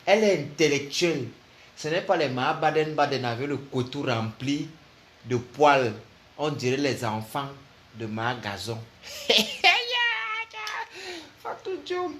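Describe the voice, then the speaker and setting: A man's voice: medium pitch, very animated, unhurried, slight background noise. A man, delivering a comic, mocking rant as a vlogger, full of insults and laughter. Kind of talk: comic ranting monologue.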